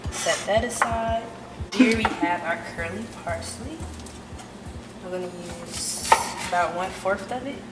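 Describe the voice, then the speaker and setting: A woman's voice: medium pitch, a little slow. A woman chef giving a step-by-step cooking demonstration in a home kitchen. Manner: instructive, step-by-step. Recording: roomy distant camera audio with loud music. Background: loud background music.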